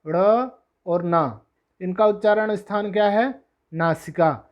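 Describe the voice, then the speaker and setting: A teacher walks through letter sounds at an unhurried, measured pace, saying each letter on its own. Questions come up and get answered right away, and English glosses sit among the terms. The pitch stays at an ordinary middle height. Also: muffled recording. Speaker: Sanskrit teacher. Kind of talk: classroom-style lesson explanation.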